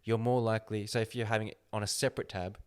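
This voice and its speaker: A man hosting a casual podcast chat, talking slowly and deliberately as he gives his opinions. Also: on the low side, level tone, clear, resonant tone. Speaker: podcast host.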